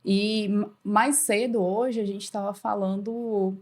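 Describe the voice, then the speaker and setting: A woman's voice: mid-range voice, fairly even intonation, takes it slowly, a little mellow. A woman with a Brazilian accent hosting a podcast, asking follow-up questions and affirming her guest. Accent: Brazilian Portuguese. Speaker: podcast host. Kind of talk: conversational interview.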